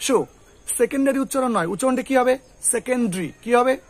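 A man's voice: very high voice, fast talker. A man teaching English pronunciation, repeating words and quizzing a student. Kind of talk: tutoring lesson with a student.

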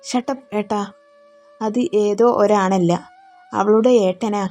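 A woman's voice: mid-range voice, steady tone, takes it slowly, a little mellow, soft background music. A woman voicing a spirited, loyal young woman who speaks firmly and scolds. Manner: firm, scolding.

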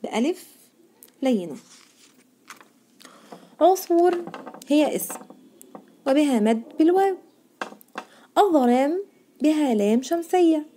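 A woman's voice: sits high, mellow. A woman teaching a primary school grammar lesson in Egyptian Arabic. She stresses each new word and answers her own questions to the pupils. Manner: asks pupils questions and answers them herself.

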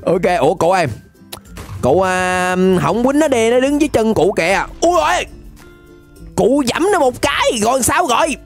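A woman giving excited, playful Minecraft gameplay commentary, laughing often and rapidly repeating words. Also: on the high side, faint music behind. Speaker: gaming channel host.

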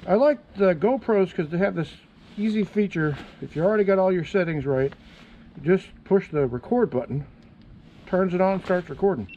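A man's voice: high-pitched, moderate pace, dark tone, lo-fi sound, a little hiss or hum. A man casually talking through his motorcycle camera setup outdoors, chatting to himself as he fiddles with gear. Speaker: motovlogger.

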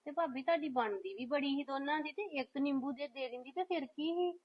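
A Punjabi woman with a high voice plays a relative in a village drama. She reasons plainly and tells others how to behave. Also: fairly quick, highs cut off. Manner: reasoning, lecturing. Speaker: family member in a drama. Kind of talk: scripted village family drama.

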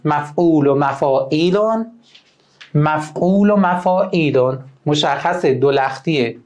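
A young man teaching a lesson on poetic meter, who chants the metrical feet slowly and then explains them quickly. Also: on the high side.

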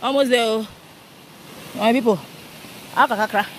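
A young woman with a Ghanaian English accent narrates a casual travel vlog on a handheld camera while hiking a trail by a waterfall. Slightly high-voiced and at normal speed, she's out of breath, exclaiming and cheering herself on, with slight background noise.

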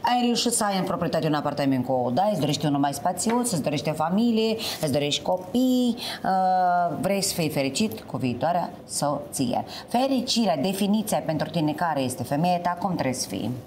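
A woman host on a TV matchmaking show, asking playful, teasing questions. Her voice sits low, and she keeps the chat casual and quick with jokes. A faint hiss runs under the studio sound. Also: lively intonation, a little mellow.

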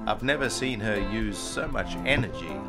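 A man giving relaxed, matter-of-fact voice-over narration for a sailing vlog. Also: lowish voice, normal speed. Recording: loud guitar music under the voice-over.

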